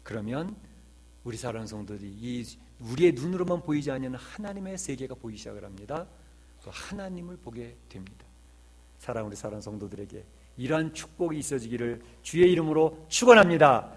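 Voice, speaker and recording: A man's voice: mid-range voice, lively intonation, quick pace, mellow, slight background noise. Man, pastor, sermon, earnest, emphatic swells, rhetorical questions.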